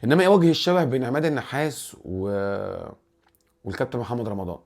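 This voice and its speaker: A man with an Egyptian accent hosting a casual football commentary vlog, animated and rambling, restarting his words often. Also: medium pitch, fast talker, vocal fry. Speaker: football channel host.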